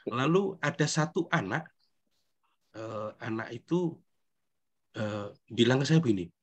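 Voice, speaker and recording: A middle-aged man from Indonesia, speaking as a priest at a recollection gathering. He talks in a conversational, self-deprecating way and keeps adding friendly tag questions. His pitch sits in an ordinary middle range. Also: expressive, unhurried. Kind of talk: recollection talk. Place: church hall.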